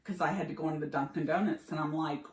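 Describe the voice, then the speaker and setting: Speaking quickly in a low voice, a middle-aged woman podcaster retells travel anecdotes casually, bringing the quoted lines to life. Her audio carries a roomy echo and clear background noise.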